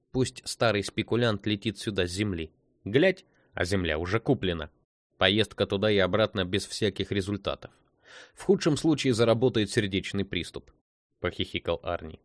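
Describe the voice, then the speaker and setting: A man narrates an audiobook in a measured, steady way. His voice sits fairly low, and the recording is dry and close with no room sound. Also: no room sound.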